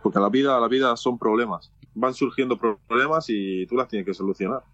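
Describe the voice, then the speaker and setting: A young man co-hosting a podcast, speaking candidly with many halting repeats. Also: medium pitch, fairly bright tone, no room sound. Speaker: podcast co-host. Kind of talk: casual chat. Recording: dull, dry lo-fi sound.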